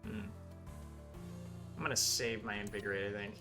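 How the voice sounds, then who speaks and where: A man's voice: on the low side, very animated, moderate pace, over music. A man leading a casual gameplay chat on a stream, upbeat and thinking aloud as he plays. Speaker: game studio head playing on a stream.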